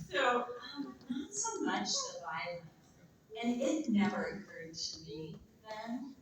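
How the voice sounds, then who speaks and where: A woman's voice: a little high, wildly swooping pitch, takes it slowly. A woman in her sixties, a former kids' TV host, chatting and laughing often while answering panel questions. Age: 60s. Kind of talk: casual panel Q&A. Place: large convention hall. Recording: echoey hall, far mic, background noise.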